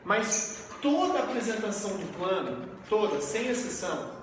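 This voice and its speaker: A Brazilian network marketing trainer in his thirties delivers an energetic live talk to an event-room audience, quizzing them as he goes, in a high voice at a slightly slow pace. The hall echoes, the mic sits far off, and a faint hiss is audible.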